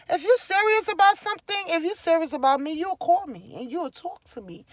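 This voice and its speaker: A Liberian woman with a Liberian accent vlogs her own story to camera in a casual yet emphatic, repetitive, preaching manner. Her voice is extremely high, with no echo.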